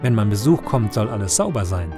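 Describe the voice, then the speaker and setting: A man voicing a cheerful, eager village shoemaker in a children's story, in a raised, excited voice. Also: on the low side, fairly quick, over music.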